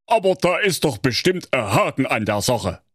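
A man's voice: mid-range voice, big pitch swings, moderate pace, husky, no echo, studio quality, pitched above the performer's own voice. A man voicing a cheerful, naive young simpleton in a storybook tale. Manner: easygoing, folksy dialect.

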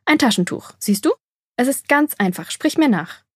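A bold young girl with a bright, lifted voice and a breathy edge, bossy at first but kind underneath, as a woman reading a storybook puts her on. She speaks slowly and clearly when she explains things, in a dry, close recording. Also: fairly high pitch, lively intonation, no echo, pitched above the performer's own voice. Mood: explaining. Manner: scolding then friendly, explaining slowly. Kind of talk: audiobook character voice.

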